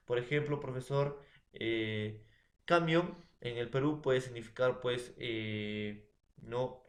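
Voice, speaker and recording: A man with a Peruvian accent teaching a class, laying out examples one after another and often checking in with his students. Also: medium pitch. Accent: Peruvian Spanish. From Peru. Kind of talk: classroom lecture. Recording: echoey room.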